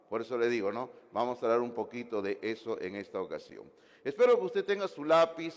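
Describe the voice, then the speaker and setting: A man preaching to his congregation as their pastor, animated and conversational, with jokes and asides between points. His mid-pitched voice rings out in a church sanctuary with a long, echoing reverb. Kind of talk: sermon.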